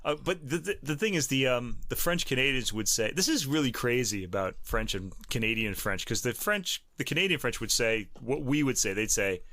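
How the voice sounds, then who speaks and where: A man co-hosting a music podcast in casual chat, halting and stumbling over foreign words with a laugh. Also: medium pitch, animated, bright, forceful tone, no room sound. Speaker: co-host of a classical music podcast.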